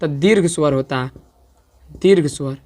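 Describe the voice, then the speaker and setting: A man with a somewhat high, slightly mellow voice speaks at a moderate pace. He's a teacher running an online grammar lesson, going over points repeatedly and frequently checking that his students are following. He draws out sounds to show vowel length.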